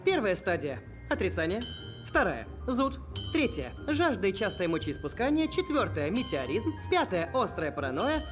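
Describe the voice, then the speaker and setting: A sardonic, impatient time traveler of a screen drama, voiced by an actor. The delivery is curt and bossy, with lively swings in pitch, over a music bed. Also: a little fast, natural voice. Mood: dry, lecturing. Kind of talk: dubbed screen drama acting.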